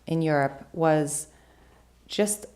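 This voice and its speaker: A woman's voice: sits low, extremely slow, a little mellow. A woman from Switzerland hosting an interview, asking curious questions with personal asides. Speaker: host.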